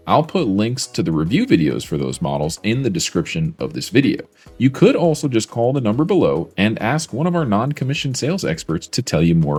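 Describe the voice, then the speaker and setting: A man from Florida presents a scripted video for a mobility scooter company, upbeat and salesy with lively intonation. His voice is slightly rough and on the low side.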